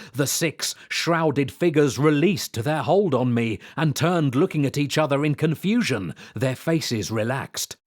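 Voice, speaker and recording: A man reading scripted comic narration in a deadpan, pun-heavy delivery. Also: medium pitch. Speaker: satirical narrator.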